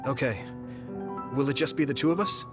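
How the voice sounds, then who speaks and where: In this game cutscene, a man with a medium-pitched, natural voice speaks fairly quickly as an earnest, loyal young soldier, sounding sincere and reassuring. Music plays behind the game audio.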